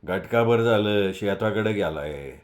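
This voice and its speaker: A man voicing a poor, hospitable old village grandfather who talks slowly and low in rustic speech.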